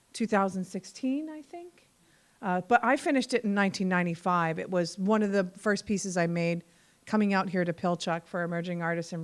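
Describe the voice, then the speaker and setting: In a community meeting room, a guest artist from the Bahamas and Virgin Islands gives a casual presentation of her own artwork to a small audience. Her voice is fairly low and clean in tone, and she speaks informally with many repeats and fillers.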